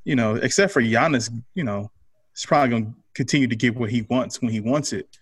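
Relaxed man talking basketball analysis. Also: mid-range voice, fast, husky, dry recording. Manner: relaxed, analytical, loose phrasing with fillers. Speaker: podcast co-host. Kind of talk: casual sports chat.

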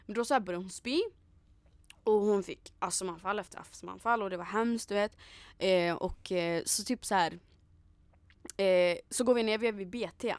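A woman's voice: medium pitch, dry recording. Young woman animatedly retelling a story. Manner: animated retelling with acted quotes and many fillers. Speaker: storyteller in a chat. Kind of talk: casual chat.

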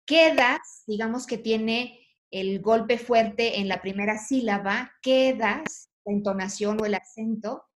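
A woman teacher, explaining rhyme to students and warmly repeating their phrases as she gives feedback. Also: mid-range voice, steady tone, unhurried. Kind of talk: online class feedback.

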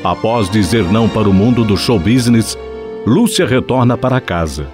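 Brazilian male old-radio-serial announcer over loud music. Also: fairly low pitch, lively intonation, normal speed. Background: loud guitar music.

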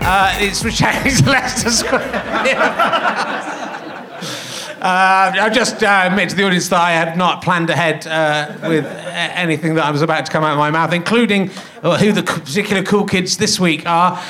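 High-voiced fifty-year-old comic host. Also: male voice, normal speed, music in the background. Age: 50s. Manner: self-mocking, rambling with fillers. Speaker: podcast host. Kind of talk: comic stage banter. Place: theatre stage before a live audience.

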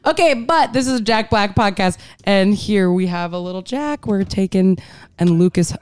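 A woman's voice: medium pitch, normal speed, darkish tone, smooth, no room sound. Chatty, giggly podcast co-host woman. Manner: chatty, giggly, full of fillers. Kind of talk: casual chat.

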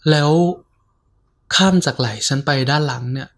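Woman storyteller, deep low voice, hushed horror narration. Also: normal speed. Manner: hushed, suspenseful.

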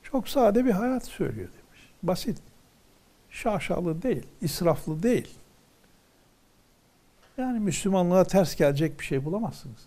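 A man's voice: high voice, very animated, moderate pace, pauses often, warm tone. A man teaching from a religious text, reading ornate old wording aloud and then explaining each phrase in plain words.

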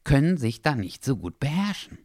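A man voicing a prim, sharp male dachshund in a storybook reading, with a raised, eager, lecturing manner. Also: medium pitch, very animated, normal speed, no room sound, clean studio sound, pitched above the performer's own voice. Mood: explaining.

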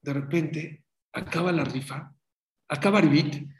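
A man giving a sermon as a religious teacher, telling stories in an animated way. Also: a little high, measured pace. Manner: animated, acts out story voices. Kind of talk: sermon with storytelling. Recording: roomy echo.

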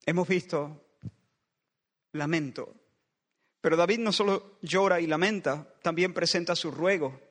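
A man's voice: a little high, a little slow, pauses often, fairly bright tone. A man preaching a sermon in a church, building passionate pleading refrains that circle back again and again. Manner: impassioned, with repeated pleading refrains. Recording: long reverb of a large hall.

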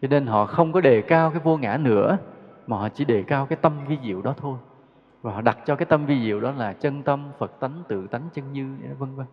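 Male Buddhist teacher, relaxed sermon full of questions; dull recording in a reverberant hall. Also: mid-range voice, a little fast. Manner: conversational, rhetorical questions, chuckles. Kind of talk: dharma talk.

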